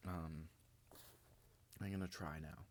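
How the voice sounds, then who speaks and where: A man's voice: a bass voice, fairly even intonation, takes it slowly. A man vlogging in a rambling, grandiose monologue straight to his viewers. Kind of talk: casual vlog monologue.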